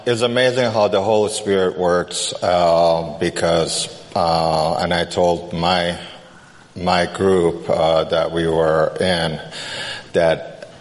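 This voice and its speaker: A man from Iran answers questions in front of a congregation, slow and halting with frequent fillers. His voice is low. Long reverb of the sanctuary fills the space. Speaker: congregation member volunteer. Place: church sanctuary.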